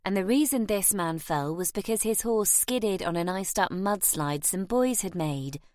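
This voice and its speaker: A woman voicing a kind young woman who cares for orphaned children, speaking gently and soothingly. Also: mid-range voice, lively intonation, moderate pace, no echo, clean studio sound, lightly acted. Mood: warm.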